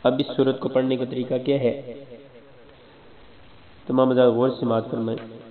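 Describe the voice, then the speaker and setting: A man's voice: medium pitch, flat delivery. Man teaching recitation rules over a tinny line. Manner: explains pronunciation rules step by step, stretching sample words slowly. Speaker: Islamic scholar teaching Quran recitation. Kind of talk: religious lesson. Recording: tinny, echoey recording with an audience.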